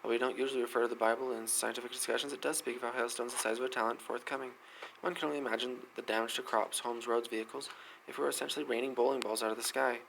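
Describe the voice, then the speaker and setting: A man reads weather news at a brisk clip, his voice gravelly with a rough edge. He stumbles and restarts now and then as he hurries through the articles. A faint ambient hum sits underneath. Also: mid-range voice, fairly even intonation. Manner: fast reading with frequent slips and restarts. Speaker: host of a weather news segment. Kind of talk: reading news articles aloud.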